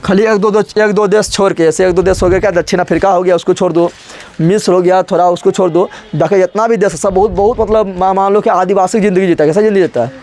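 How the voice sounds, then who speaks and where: Young male teacher, raised pitch, repetitive call-and-response lecturing. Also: steady tone, fast, darkish tone. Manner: drills students with constant repeated questions. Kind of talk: classroom lecture.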